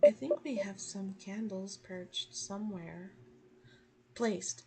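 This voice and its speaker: A woman's voice: mid-range voice, slow, dark tone, a little hiss or hum, poor audio. A woman streamer reading a story game aloud with dramatic flair, breaking off for casual asides. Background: game music.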